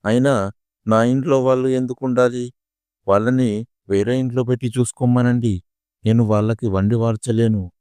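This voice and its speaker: A man's voice: medium pitch, steady tone, normal speed, long pauses, dark tone, smooth, no echo, studio quality, close to an everyday voice. A man voicing an angry young bride in court, complaining indignantly as he reads the story aloud.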